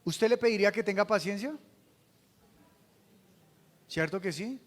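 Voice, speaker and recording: A man preaching a sermon as pastor, asking the congregation questions and swinging from hushed to loud. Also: sits high, unhurried, in a large hall. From Colombia.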